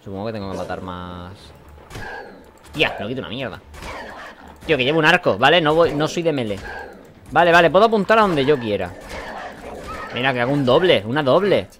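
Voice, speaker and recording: A man with a Spain Spanish accent giving casual let's-play commentary, chatty and mumbling his asides, with bursts of shouting. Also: mid-range voice, animated, a little fast, pauses often, a little hiss or hum. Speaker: gaming host.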